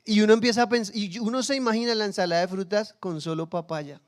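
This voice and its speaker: A man's voice: high voice, steady tone, quick pace. A man preaching a sermon as pastor, humorous and acting out everyday scenes in little quoted voices.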